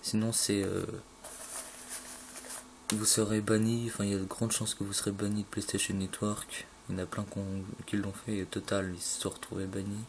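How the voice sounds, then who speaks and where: A man casually talking through a game tutorial, halting with fillers and loose slang, filmed on a phone at a home computer. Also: on the low side, level tone. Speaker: gaming tutorial maker. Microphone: phone filming a screen. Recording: phone recording with faint room noise.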